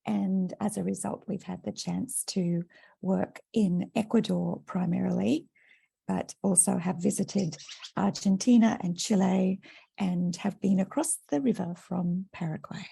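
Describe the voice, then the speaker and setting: An Australian woman, a teacher educator, speaking in a soft-spoken, thoughtful way during an online presentation. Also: mid-range voice, measured pace, gravelly, breathy edge. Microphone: video call.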